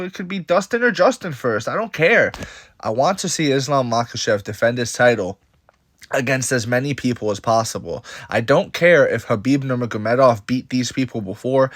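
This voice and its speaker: A man giving a casual, opinionated MMA commentary who talks in an animated way and repeats his points. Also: mid-range voice, dry recording, clean studio sound.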